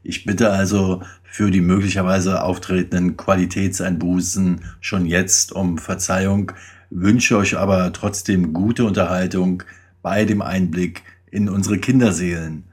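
A man's voice: low-pitched, little pitch movement, measured pace, husky. A man in his forties hosting a podcast, reading a formal introduction with a wry touch, then interviewing a guest. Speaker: podcast host.

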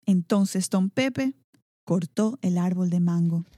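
A woman narrating a children's story aloud in an expressive, animated manner. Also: fairly low pitch, slow, no echo, studio quality.

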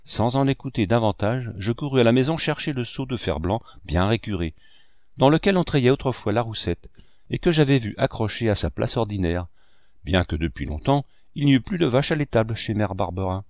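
A man reading a classic novel aloud with animated storytelling. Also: mid-range voice, a little fast, no echo, studio quality. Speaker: audiobook reader.

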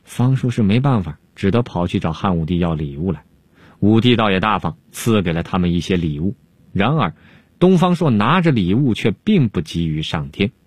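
A man telling a traditional folk tale in an animated, rhythmic storytelling cadence. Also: deep voice, normal speed, husky, no echo.

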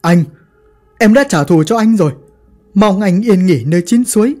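A woman voicing a treacherous male gang boss who wails and pleads in a shrill voice. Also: moderate pace, dark tone, close to an everyday voice. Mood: fake grieving.

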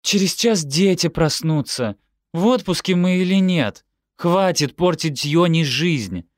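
A man's voice: fairly high pitch, lively intonation, a little slow, dry recording, clean studio sound, voice pushed up. A man reading an audiobook, voicing a blunt, hot-tempered adult sister who talks curtly and impatiently. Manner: curt, impatient.

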